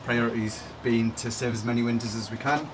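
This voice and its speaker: A man renovating old windows, explaining his work to camera in a relaxed, hesitant way with lots of ums. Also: mid-range voice, brisk, noisy background. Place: top-floor room of a château.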